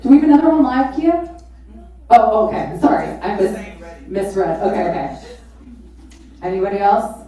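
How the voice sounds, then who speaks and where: A woman's voice: medium pitch, moderate pace, long pauses, dark tone. A woman hosting a live charity auction, calling bids and chatting informally and exclamatorily with bidders. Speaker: charity auctioneer and event host. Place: large echoey event venue with a live audience. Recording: echoey hall, distant PA, crowd.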